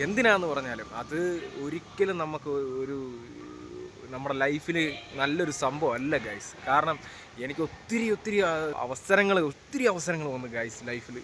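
A young man from Kerala talking casually to his viewers as a vlogger, calling them guys and hesitating with fillers. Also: on the high side. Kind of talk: casual vlog talk to camera. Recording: clear background noise.

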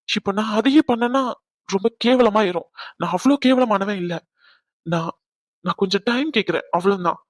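A remorseful young cartoon groom, voiced by a man, earnest and gentle, who pleads and apologizes with halting restarts. His voice sits high for a man. The recording is dry and close. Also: no room sound. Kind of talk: cartoon drama dubbing.

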